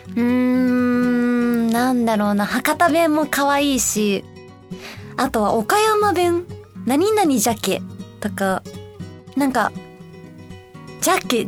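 A young woman from Osaka hosts a relaxed radio show in a high, light voice. She chats in a friendly way, drifting through soft fillers as she thinks aloud. Faint music plays quietly behind her. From Osaka, Japan. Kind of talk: casual radio chat, reading listener letters.

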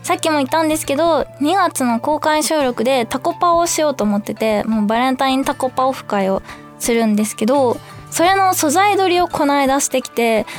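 Young female radio host, chatty and upbeat, slightly high pitch, faint music bed behind. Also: lively intonation, fast. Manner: chatty and bubbly, acting out quotes. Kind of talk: casual solo free talk.

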